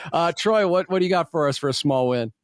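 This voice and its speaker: A man's voice: a little high, dry recording. A man hosting a podcast, guiding a casual chat in a thoughtful way and asking his co-hosts questions. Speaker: podcast host.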